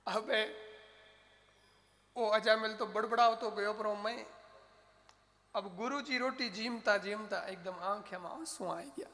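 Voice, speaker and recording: A man with a Rajasthani accent telling a devotional story in an animated, dramatic way. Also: high-pitched, measured pace, long pauses. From Rajasthan, India. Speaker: religious storyteller. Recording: reverberant hall, faint noise.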